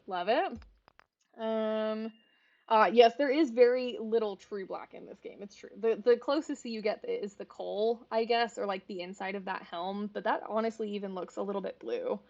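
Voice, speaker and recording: A woman's voice: medium pitch, creaky, darkish tone. A woman giving casual let's-play commentary, chatty and bubbly, rambling off on asides with frequent ums. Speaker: gaming video host. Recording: slightly muffled, faint game music behind.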